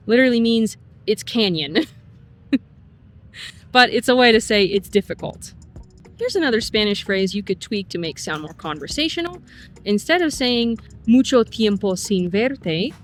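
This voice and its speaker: In a laid-back walking vlog, a middle-aged Spanish teacher with a slightly high voice explains phrases, slowing to model every one.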